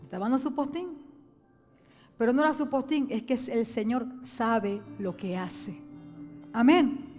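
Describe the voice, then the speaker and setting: A woman pastor, preaching a sermon with passion, rising to loud emphasis and dropping to hushed tones. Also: on the high side, a little slow, pauses often. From Venezuela. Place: church. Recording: reverberant church hall with soft music.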